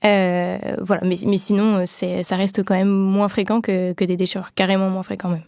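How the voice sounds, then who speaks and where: A woman's voice: medium pitch, level tone, normal speed, a little mellow, no room sound, studio quality. A woman midwife explaining things in a podcast interview, with many fillers and restarts.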